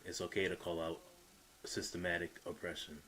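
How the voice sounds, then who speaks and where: A man's voice: low-pitched, flat delivery, fairly quick, a bit bright, low-quality recording. A man streaming, commenting casually and hesitantly with many fillers.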